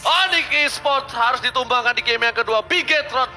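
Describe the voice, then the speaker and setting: Very high-pitched hype game announcer man. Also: normal speed, sharp tone, faint music behind. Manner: dramatic, stretches and repeats words for hype. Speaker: esports shoutcaster. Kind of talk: excited live game commentary like a fighting game announcer. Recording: clear background game noise.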